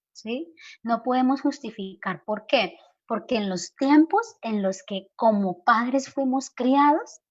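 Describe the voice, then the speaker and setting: A woman's voice: a little high, a little mellow, muffled recording. A Colombian woman school counselor giving an earnest parenting workshop talk, often checking in with her listeners. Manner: earnest, keeps asking "¿sí?" to check in.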